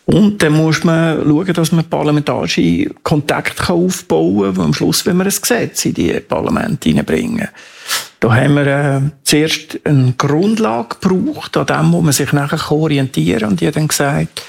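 A man's voice: a little high, expressive, normal speed, creaky, slightly rough. A man with a Swiss German accent giving earnest, emphatic interview answers as a campaigner, often ending on tag questions. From Switzerland.

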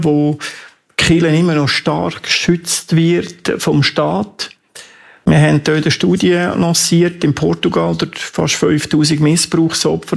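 Swiss german guy, husky and a bit high pitched, earnest emphatic interview answers. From Switzerland. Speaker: campaigner, interviewee.

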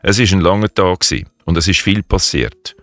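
Male narrator, deep pitch, scripted storytelling, faint music underneath. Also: fairly quick, a bit bright, no echo.

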